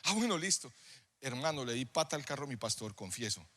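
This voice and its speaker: A man preaching a sermon, telling a personal story in a conversational way that builds into loud, emphatic preaching. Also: mid-range voice, big pitch swings, fairly quick. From Colombia. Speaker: pastor. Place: church hall. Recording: live sermon in a reverberant hall.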